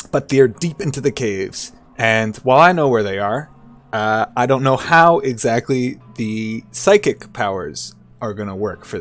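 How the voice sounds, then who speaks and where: A man giving casual let's play commentary as he plays and narrates a game. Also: medium pitch.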